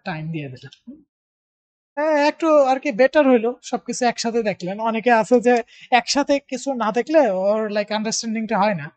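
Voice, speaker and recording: A man talks through a coding tutorial casually, thinking aloud with many fillers and mixing in English terms. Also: very high-pitched. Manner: mixes English terms into his speech.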